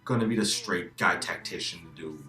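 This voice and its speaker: A man's voice: sits low, normal speed, pushed and bright, echoey room, faint music behind. A man who is a guest in a casual game discussion, repeating words as he restarts and swearing emphatically.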